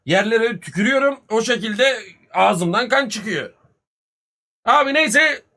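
A man, telling a story casually on a live stream, animated and full of swearing and reported speech. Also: very high-pitched, measured pace. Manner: profane, animated retelling with much reported speech.

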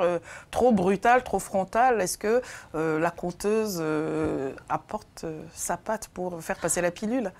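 A middle-aged woman hosting a live TV talk show in a studio, lively and playful, with a lapel mic. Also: medium pitch. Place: TV studio, indoors.

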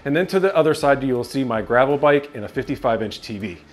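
Here the same kind of speaker, a man in his thirties who reviews tech, shows off his home basement in a relaxed walkthrough. His mid-range voice is expressive and fast, he gestures while walking and talking to camera, and the sound comes from a lapel mic clipped on.

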